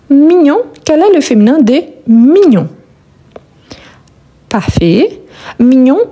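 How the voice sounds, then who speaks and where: A woman's voice: a little high, dark tone. A woman teaching a live online French lesson, patiently repeating each word and praising her students' answers. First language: Portuguese.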